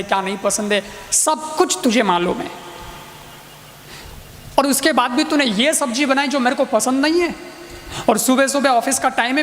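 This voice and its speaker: A man's voice: extremely high pitch, a bit bright, slight background noise. A man voicing a short-tempered young husband who complains in exasperation. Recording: long reverb hall with faint music.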